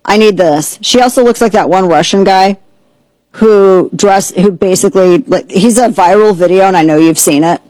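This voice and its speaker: A woman hosting an opinionated political commentary show, sarcastic and mocking, with quick asides. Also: medium pitch, mellow, no echo, low-quality recording. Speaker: host.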